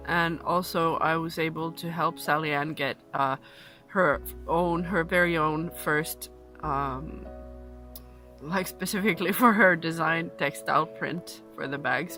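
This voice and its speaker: Low-voiced Finnish woman, music behind. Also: bright, forceful tone. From Finland, Lapland. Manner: hesitant, thoughtful, with fillers. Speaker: textile designer and entrepreneur. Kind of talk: interview testimonial.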